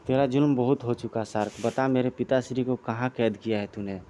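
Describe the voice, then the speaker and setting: A man's voice: medium pitch, steady tone, brisk, mellow, slight background noise, natural voice. A man reading aloud the lines of a righteous young male hero from a comic. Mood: determined. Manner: earnest, demanding.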